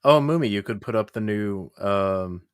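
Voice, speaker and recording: Man, lower pitch, deadpan, teasing, dry mic, podcast call. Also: moderate pace, clear, resonant tone, no echo. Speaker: podcast co-host. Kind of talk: casual chat on a live video call.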